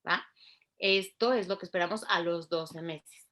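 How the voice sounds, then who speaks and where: Woman, speech therapist, bright tone, patient teacherly explainer. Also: lowish voice, fairly even intonation. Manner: clear, didactic, spells out sounds slowly. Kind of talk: explaining in an interview.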